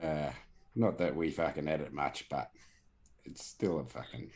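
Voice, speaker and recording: A man's voice: rumbling low, normal speed, darkish tone. A man hosting a podcast in casual chat, swearing and laughing through banter. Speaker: podcast host.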